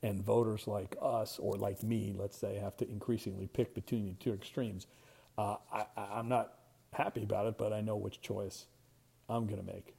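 A middle-aged man with an American accent gives opinionated podcast commentary. His voice is low and gravelly, with a husky rasp. He speaks deliberately, halting as he shapes his points. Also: level tone, warm tone. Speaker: podcast host, market strategist. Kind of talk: spoken commentary, semi-scripted.

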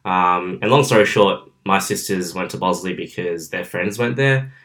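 This is a casual solo podcast episode hosted by an Australian man of about twenty-one from southwestern Sydney, recorded on camera in his bedroom. He speaks at a moderate pace in a low, slightly bright voice, chatting sociably with many fillers.

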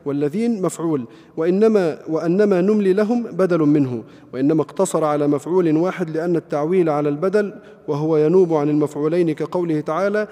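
A man, a student reading a classical commentary aloud in a rapid, even recitation. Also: fairly high pitch. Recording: long reverb of a hall.

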